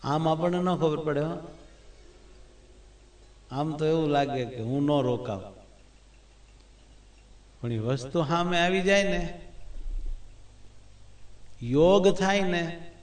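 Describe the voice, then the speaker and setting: Preacher in an echoey hall. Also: male voice, on the high side, fairly even intonation, takes it slowly, pauses often. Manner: conversational, asks listeners "understood?". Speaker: religious speaker. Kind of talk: devotional discourse. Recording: echoey room, far from mic.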